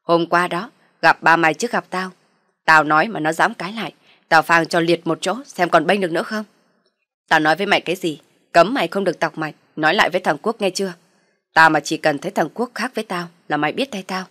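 Casting: a woman playing a harsh older mother-in-law, loud and low-pitched, berating. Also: brisk, no room sound, studio quality, close to an everyday voice. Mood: threatening.

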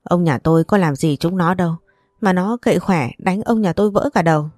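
A woman voicing a furious, foul-mouthed old grandmother who curses and scolds, with soft music behind. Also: a little fast, no echo, studio quality, lightly acted. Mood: outraged. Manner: cursing, shrill scolding.

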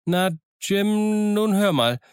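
A man voicing a childlike, excitable old castaway sailor who has gone half mad alone, in an eager, wheedling, sing-song way. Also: sits high, takes it slowly, clear, resonant tone, dry recording, studio quality, voice pushed up. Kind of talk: audiobook character voice.

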